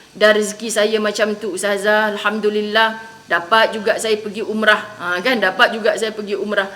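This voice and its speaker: A woman's voice: fairly high pitch, slight background noise. A middle-aged woman with a Malaysian accent, preaching a sermon to women and acting out the people in her stories. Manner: animated storytelling, acts out quoted people. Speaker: religious teacher.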